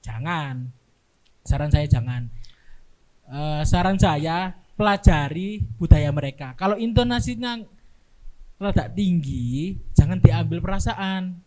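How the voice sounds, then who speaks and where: A young man talks as a podcast guest in an unhurried, explanatory way, often ending points with a quick tag question. His voice sits a little higher than most men's. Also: darkish tone. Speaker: guest, dorm security staff. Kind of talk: casual podcast chat.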